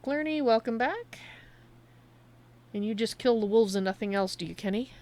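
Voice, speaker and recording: A woman's voice: fairly high pitch, expressive, moderate pace, a little mellow. A woman streaming a game, giving casual live commentary and often muttering to herself.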